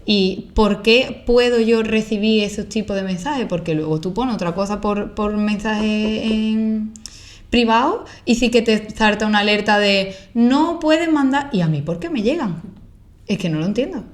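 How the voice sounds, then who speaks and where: A woman's voice: mid-range voice, normal speed. A young woman with an Andalusian Spanish accent speaking casually and with opinion in an interview, using colloquial, emphatic phrasing and rhetorical questions. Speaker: guest, social media creator and activist.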